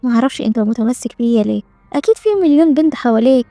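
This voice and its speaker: A woman reads as a cool, skeptical young heroine speaking with an Egyptian accent. The voice sits a bit high and moves fast, recorded close and dry. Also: warm tone, no room sound, faint music behind, lightly acted. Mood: wry. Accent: Egyptian Arabic.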